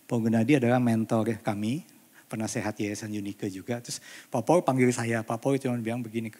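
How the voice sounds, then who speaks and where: A man's voice: mid-range voice, steady tone, brisk, darkish tone. A middle-aged man preaching a sermon in a conversational way, slipping English phrases into his talk and building to emphatic appeals. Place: church hall. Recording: long church hall reverb.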